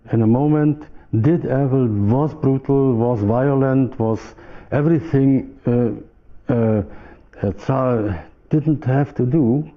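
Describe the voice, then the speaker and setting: A man giving expert commentary in a documentary interview, in short, halting, emphatic phrases. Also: mid-range voice. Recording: thin, phone-like narrow-band sound.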